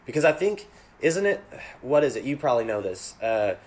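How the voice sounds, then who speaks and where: A man chatting casually about politics, restarting his words often and leaving long pauses. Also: medium pitch, big pitch swings, a little mellow. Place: cold unheated jam room.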